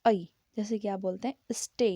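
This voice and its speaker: A woman's voice: a little high, measured pace, dark tone, no room sound, studio quality. A woman teaching English pronunciation, patiently spelling words out letter by letter and repeating them. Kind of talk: slow explanatory grammar lesson.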